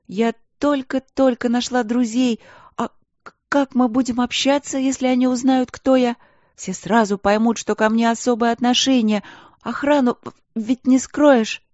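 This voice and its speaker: A woman's voice: medium pitch, measured pace, mellow, no echo, muffled recording, voice pushed up, close to an everyday voice. A woman voicing a stubborn, tearful young princess who pleads and stammers through her sobs.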